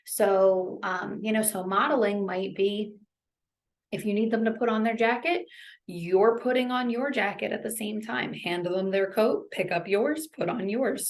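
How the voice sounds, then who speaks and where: A young adult woman teaching caregivers in a relaxed, conversational way, with frequent fillers and a reassuring manner. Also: mid-range voice, a little slow. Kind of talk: educational talk to caregivers.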